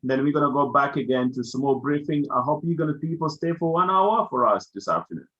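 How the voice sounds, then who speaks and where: A man's voice: mid-range voice, expressive, fairly quick, fairly bright tone. A man hosting an online community meeting, switching between English, Lingala and French in a casual way. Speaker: community group host. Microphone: video call. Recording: dull lo-fi video call audio.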